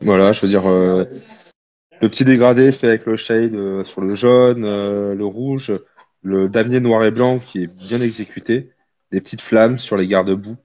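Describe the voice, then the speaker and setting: A man giving casual critique of painted miniatures, halting and stumbling over words. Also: on the low side, fairly even intonation, a little mellow, muffled recording.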